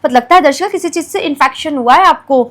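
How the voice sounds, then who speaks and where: A woman's voice: sits high, fast. A young woman playing a worried mother in a home family vlog skit, fussing over her child and repeating her name.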